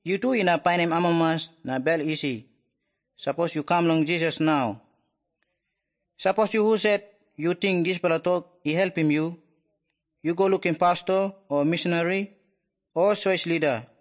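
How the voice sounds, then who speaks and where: A man's voice: on the high side, moderate pace, long pauses. A man delivering an evangelistic gospel message as a preacher.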